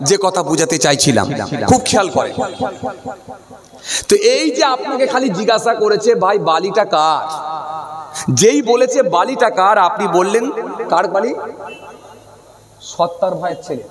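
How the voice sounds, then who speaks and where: A hoarse, unwell man preaching a waz sermon, swinging into chanted bursts and rhetorical questions. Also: high voice, animated, brisk, a crowd in the background. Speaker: Islamic preacher.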